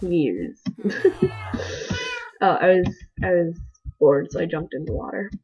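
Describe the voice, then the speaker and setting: A woman's voice: fairly low pitch, brisk, gravelly, darkish tone, rough recording. A woman hosting her own gaming channel, chatting casually and rambling to herself as she plays, with music playing behind her. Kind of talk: casual Minecraft commentary. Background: background music.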